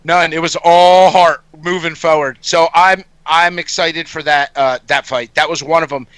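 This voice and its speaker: A male host with a bright, forceful voice pitched a bit high, recorded close and dry. He chats casually and with enthusiasm, like a fan running an interview. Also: steady tone, normal speed, smooth, no echo. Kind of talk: casual enthusiastic sports chat.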